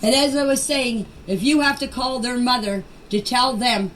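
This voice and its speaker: An older woman, fairly high-pitched and a bit bright, speaks at a moderate pace. Her unscripted personal account comes through noisy amateur voice messages, delivered emphatically and defensively with phrases repeated to press her point.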